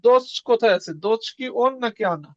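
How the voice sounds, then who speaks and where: Brief: male tutor, high voice, dry and slightly dull recording, casual lesson. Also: no room sound. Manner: conversational, repeats words slowly for learners. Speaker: Russian language teacher.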